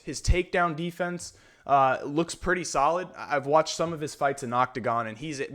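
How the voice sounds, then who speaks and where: A man's voice: mid-range voice, fairly bright tone. A young man hosting a solo fight-prediction video, talking casually and candidly with plenty of fillers and restarts. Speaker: MMA fight predictions host.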